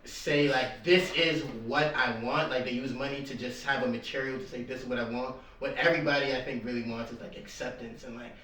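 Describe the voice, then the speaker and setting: A man hosting a podcast in a bright, forward voice, asking laid-back questions that dig deeper. His voice echoes around the room from a little way off the mic. Faint ambient noise sits underneath. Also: fairly even intonation, fairly quick, hardly any pauses, distant mic. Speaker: podcast host. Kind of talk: casual interview chat.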